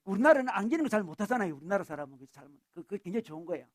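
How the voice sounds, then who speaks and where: A male pastor preaching a sermon in an animated way, acting out the figures from scripture. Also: sits high, racing, no room sound, clean studio sound. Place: church.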